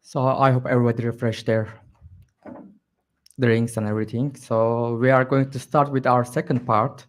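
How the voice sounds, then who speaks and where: A man hosting a meetup and introducing the next speaker, talking haltingly and repeating words. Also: medium pitch, little pitch movement. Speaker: event host. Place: meetup room before a live audience.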